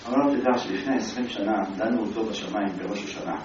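Dramatic preacher in an echoey hall. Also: male voice, on the low side. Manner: dramatic storyteller, voice swinging between loud and soft. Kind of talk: sermon with storytelling. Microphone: far from the mic. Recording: echoey, distant, muffled with hiss.

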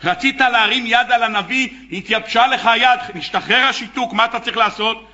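A male preacher tells a story in an animated sermon, putting questions to his audience and hammering his points home. His voice is high and very bright. The recording sounds dull and lo-fi. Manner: animated, rhetorical, addresses audience. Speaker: rabbi preacher.

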